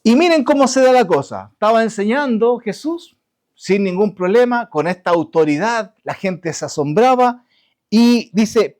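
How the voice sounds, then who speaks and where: A man preaching a sermon to his congregation, halting with restarts and asking rhetorical questions. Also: sits high, a little mellow. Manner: halting, many restarts and fillers. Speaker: pastor.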